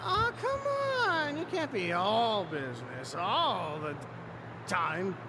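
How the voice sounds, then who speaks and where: A man's voice: high-pitched, sing-song, slow, heavily acted. An actor playing a drunk, jovial man who rambles and slurs his words in a video game. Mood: tipsy, teasing. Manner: slurred, rambling, laughing. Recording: game audio with crowd noise.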